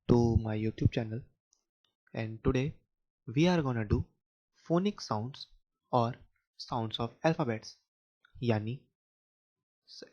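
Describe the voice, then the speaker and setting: A man with an Indian accent gives a phonics lesson for children, speaking very slowly and patiently. His voice sits at an ordinary middle pitch. The recording is dull and lo-fi. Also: darkish tone. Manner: explains patiently, asks questions back to kids. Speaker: teacher.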